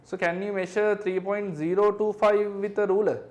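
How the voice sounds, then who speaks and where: With a light, high voice and a flat delivery, a physics tutor goes over exam questions aloud. He moves through each figure step by step, repeatedly confirming with brief tag questions that his class is following.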